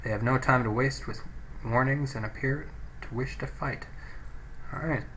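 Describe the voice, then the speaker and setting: With fairly even intonation and a moderate pace, a man speaks in a medium-pitched, slightly bright voice, accompanied by a little hiss or hum. He's a gaming let's play host, thinking aloud casually and reading game text over a low-quality mic.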